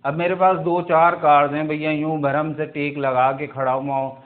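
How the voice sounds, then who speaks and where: A man's voice: on the high side, level tone, normal speed. A man teaching English grammar in a video lesson, drawing out words and checking in with his students again and again. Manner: drawing out words and repeating "theek hai" and "bhaiya" to check in with students. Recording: tinny phone-like sound.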